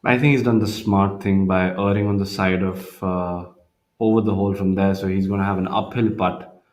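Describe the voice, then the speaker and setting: A man with a fairly low voice delivers golf commentary for a telecast. He talks through each shot in a measured, analytical way, pausing now and then to find his words. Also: fairly even intonation, a little mellow.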